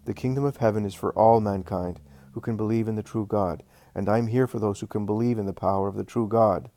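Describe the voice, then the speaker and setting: A man voicing Jesus, speaking in a measured, solemn way. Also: lowish voice, steady tone, warm tone, no echo, natural voice. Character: Jesus, calm solemn male teacher.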